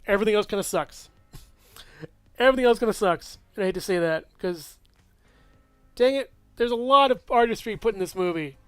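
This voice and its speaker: A man's voice: sits high, clear, resonant tone, dry recording. A young man casually reviewing movies, rambling and offhand, laughing to himself. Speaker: movie reviewer, channel host.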